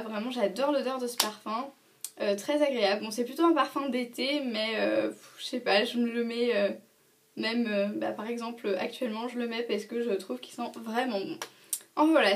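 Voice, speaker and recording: A young woman talks through her favourite products as a beauty vlogger, pausing often with fillers and restarting her sentences. Her voice sits a little high and sounds slightly distant from the microphone. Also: a little hiss or hum. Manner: hesitant, many fillers and restarts. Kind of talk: casual product review.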